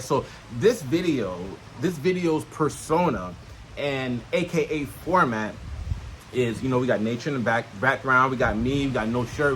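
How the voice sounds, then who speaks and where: The audio is poor, with a little hiss or hum, and the man's mid-range voice has a fairly bright tone. Filming himself outdoors in nature, the self-help vlogger teaches casually and without a script, using streetwise slang and frequent swearing. He punctuates his points with questions that check in with the listener.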